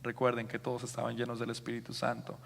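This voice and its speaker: A man with a Mexican Spanish accent preaching a sermon as a pastor, lively and joking, loudly acting out the quotes he reads. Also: medium pitch, fast talker, vocal fry, big-room sound. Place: church hall.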